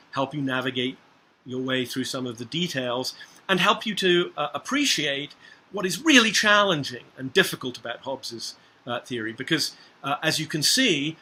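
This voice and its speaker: Bright-voiced hesitant male lecturer. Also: mid-range voice, slightly rough. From Scotland. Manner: hesitant, many filler sounds and tag questions. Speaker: university lecturer. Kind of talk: university lecture.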